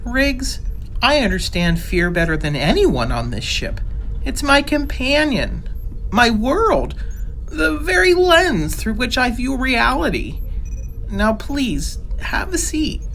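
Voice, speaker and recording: An anxious, earnest starship crewmate, fairly high and very expressive. The delivery is dramatic sitcom audio acting with faint noise behind. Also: female voice, slow pace, heavily acted, poor audio. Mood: solemn, probing. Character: anxious, fearful, earnest female crew member playing therapist.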